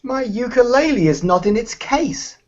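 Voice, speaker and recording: A man's voice: very high voice, animated, moderate pace. A man from England reading a worried husband whose cat has gone missing, in an earnest, plaintive way, for a children's play. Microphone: video call. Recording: dull lo-fi video call audio.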